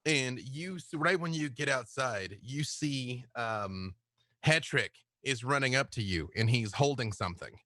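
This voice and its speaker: A man narrating a tabletop horror game as game master, animated and quick to jump into shouted voices for other figures. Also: medium pitch, no room sound.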